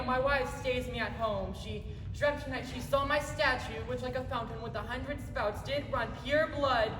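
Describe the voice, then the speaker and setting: A woman's voice: on the high side, background noise, lightly acted. Young woman playing proud Julius Caesar, echoey hall. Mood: firm. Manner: declamatory, commanding. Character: proud, imperious Roman ruler Julius Caesar, male. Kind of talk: Shakespearean stage acting, student production. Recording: echoey hall from far off, music behind.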